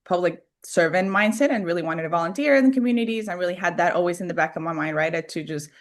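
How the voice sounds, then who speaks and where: A woman's voice: lowish voice, quick pace. Earnest Colombian-born woman panelist. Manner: earnest, many fillers and restarts. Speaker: panel guest. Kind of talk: panel discussion.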